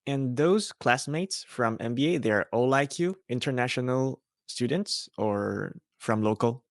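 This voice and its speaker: A man's voice: medium pitch, animated, dry recording. Taiwanese man hosting, close and dry. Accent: Taiwanese Mandarin. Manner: measured, careful questions in English. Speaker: podcast host. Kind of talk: scripted intro, then interview questions.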